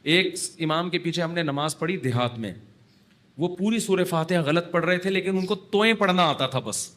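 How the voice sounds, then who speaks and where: Wry man preaching in a raised voice. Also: fairly high pitch. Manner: chatty and wry, acting out the call to prayer by stretching words; scolding, then relaxed and anecdotal. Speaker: Islamic scholar giving a talk. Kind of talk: conversational religious lecture in Urdu.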